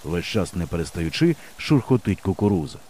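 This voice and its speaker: A man narrates a first-person children's adventure with a lively, playful delivery. His tone is mellow and warm, and his pitch moves in big animated sweeps through every sentence. It sounds like a practiced audiobook reading. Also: a little fast, a little hiss or hum.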